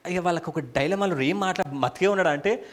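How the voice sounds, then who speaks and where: A man's voice: sits high, quick pace. A man preaching, retelling a scripture story in a dramatic, colloquial way and calling out hallelujah. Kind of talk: storytelling sermon.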